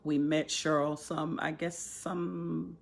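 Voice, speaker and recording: Rambling woman with warm memories. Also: low voice, flat delivery, slow pace, gravelly. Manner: rambling, many fillers and restarts, laughs easily. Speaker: friend giving a memorial tribute. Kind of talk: informal spoken tribute.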